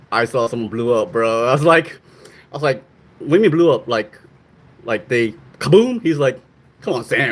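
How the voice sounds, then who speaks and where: A man's voice: on the high side, a little hiss or hum. A young man from Long Beach, California, telling loose slangy stories on a casual livestream, laughing often.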